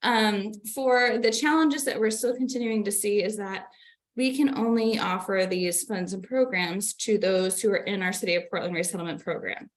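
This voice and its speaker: A woman's voice: mid-range voice, moderate pace. Slightly winded woman presenting. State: out of breath. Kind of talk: online meeting presentation.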